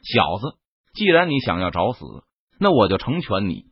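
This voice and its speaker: A man's voice: fairly low pitch, big pitch swings, normal speed, breathy edge, no room sound, lo-fi sound, pitched below the performer's own voice, full character voice. A man voicing an arrogant, menacing young male sect senior disciple who talks coldly and threateningly. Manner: cold, threatening.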